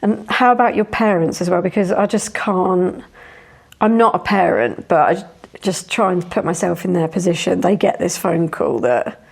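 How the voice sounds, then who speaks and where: A woman's voice: lowish voice, normal speed, gravelly, husky. Chatty woman hosting an interview. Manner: chatty, rambling, trailing sentences. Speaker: podcast host. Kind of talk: casual interview.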